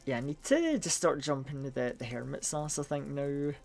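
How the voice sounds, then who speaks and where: A Scottish streamer talks through a game live in loose, casual chat. The voice sits at a middling pitch and runs excitable, with plenty of swearing. Words trip and repeat as the thoughts tumble out. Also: normal speed, creaky, soft background music. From Scotland.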